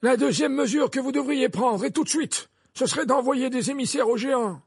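A man reading an audiobook, voicing an old male wizard headmaster who speaks gravely and insistently. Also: very high voice, moderate pace, darkish tone, dry recording, clean studio sound, voice pushed up, full character voice. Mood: stern. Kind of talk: audiobook character voice.

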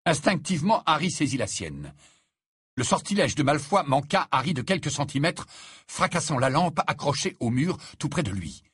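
Male audiobook narrator: husky, expressive, dry sound. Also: on the high side, moderate pace, no room sound. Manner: expressive, dramatic reading. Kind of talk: scripted narration.

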